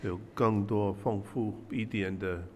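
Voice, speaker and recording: A man preaching in short, halting, conversational phrases, pausing for an interpreter. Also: lowish voice, fairly even intonation, a little hiss or hum. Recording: echoey hall with long reverb.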